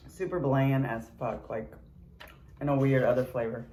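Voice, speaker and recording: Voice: mid-range voice, fairly even intonation, moderate pace, dark tone, slight background noise, poor audio. A mukbang vlogger in a casual eating video, chatting between bites with lots of chewing murmurs and candid, sweary remarks.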